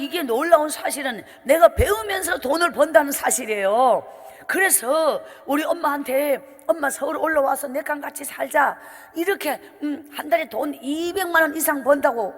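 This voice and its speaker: A middle-aged woman evangelist with a strong Gyeongsang Korean accent gives a revival sermon testimony in a church sanctuary, speaking at a high pitch. She tells her story animatedly, acting out every exchange, as a long hall reverb trails her words.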